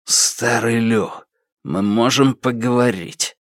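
A man reading an audiobook, voicing a restrained, menacing man who speaks slowly in a low hoarse whisper. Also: steady tone, dry recording, clean studio sound, natural voice. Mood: measured. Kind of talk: audiobook character voice.

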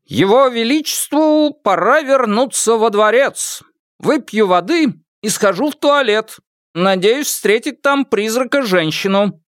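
Picture a brash young dorm student with a clowning, boastful manner, his voice pushed up high and lively, as a man puts him on. Every line swoops around with showy energy. The read is dry and close, with no room sound. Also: normal speed, no echo. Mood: mock-grand. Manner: boastful, theatrical.

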